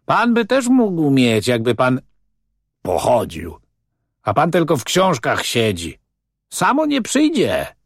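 A man's voice: mid-range voice, huge pitch swings, slow, no room sound, studio quality, full character voice. A man reading as a cocky, scornful young man who talks in a brash, dismissive way.

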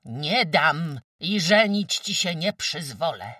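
A man voicing a fierce, domineering old peasant mother who scolds in shrill shouts. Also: huge pitch swings, measured pace, dry recording, clean studio sound, far from the mic, exaggerated voice. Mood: furious.

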